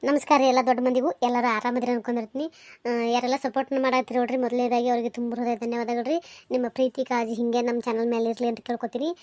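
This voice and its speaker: A woman hosting her channel, pleading earnestly and repeating herself. She talks quickly into a dry, close mic. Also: on the high side, flat delivery, darkish tone, dry recording. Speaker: channel host. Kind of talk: channel outro appeal.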